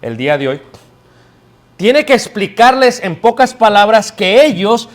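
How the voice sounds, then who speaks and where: Preacher guy, high voice, storytelling sermon, keeps asking the church questions. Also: measured pace. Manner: lively storytelling, calls out questions to the congregation. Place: church, before a live congregation.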